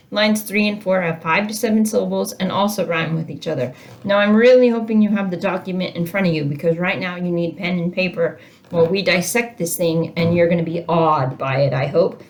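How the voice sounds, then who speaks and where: A middle-aged woman with a low, gravelly voice records an English lesson from her home office on a computer mic. She explains in a casual, chatty way, dropping frequent "uh" and "um" as she goes. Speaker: English teacher. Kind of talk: recorded online lecture.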